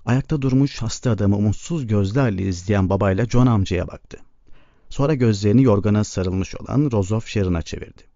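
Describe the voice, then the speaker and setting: A man narrating an audiobook in a measured, even storytelling manner. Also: lowish voice, dry recording. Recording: dull lo-fi recording.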